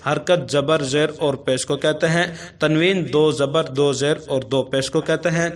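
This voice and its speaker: A man with a Pakistani accent teaching Quran reading, spelling out syllables slowly in a chanting tone. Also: fairly high pitch, fairly even intonation.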